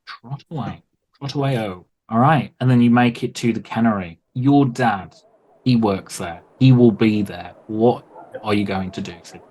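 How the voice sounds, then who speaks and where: A man's voice: lowish voice, moderate pace, a little mellow. Man running a tabletop game. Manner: loose, rambling, sweary. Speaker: game master.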